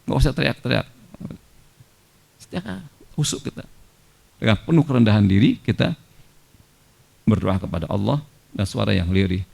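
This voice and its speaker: Gravelly-voiced man preaching. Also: fairly low pitch, expressive, normal speed, long pauses, dark tone. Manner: conversational preaching with Arabic quotations. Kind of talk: sermon. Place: mosque.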